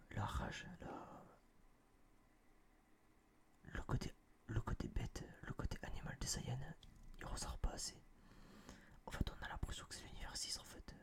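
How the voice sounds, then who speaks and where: Here the pace is normal but the pauses run long. Whispering close to a binaural mic, an ASMR video creator rambles through an informal film review, speaking in slangy, unsure bursts and often saying words twice.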